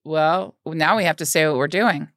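A woman's voice: low-pitched, normal speed, a bit bright, no room sound, clean studio sound. A woman co-hosting a podcast in casual, joking banter. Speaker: podcast co-host. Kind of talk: casual chat.

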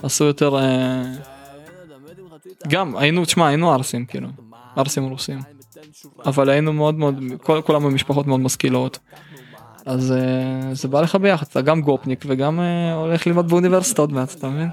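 Creaky-voiced man with a Russian accent. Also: on the high side, fairly even intonation, faint music behind. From St Petersburg, Russia. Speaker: musician, interview guest. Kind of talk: casual interview talk.

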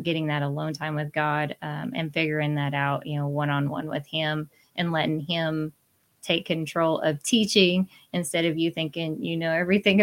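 A woman on a faith-based panel, talking in a reflective, measured way with light laughs. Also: low-pitched, fairly bright tone. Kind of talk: faith-based casual chat.

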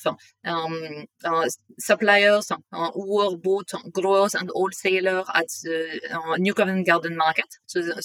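Guest, French woman, 30s, bright tone, halting delivery full of fillers. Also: on the low side, no room sound, rough recording. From northern France. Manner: hesitant, frequent "uh" fillers. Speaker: guest, company co-founder. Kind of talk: casual interview.

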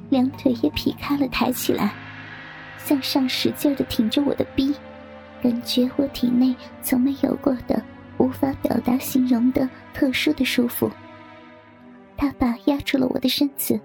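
A young woman reading a story aloud in hushed, intimate whispered narration. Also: high-pitched. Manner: hushed, intimate, breathy delivery.

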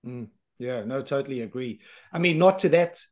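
A man's voice: medium pitch, moderate pace. A man with a South African accent, a podcast host, speaking candidly and thoughtfully in conversation.

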